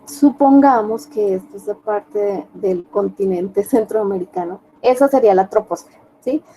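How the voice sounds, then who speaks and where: A woman's voice: mid-range voice, normal speed, warm tone, a little hiss or hum, low-quality recording. A woman teaching an online class, explaining step by step and often checking with her students. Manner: explanatory, checks understanding with questions.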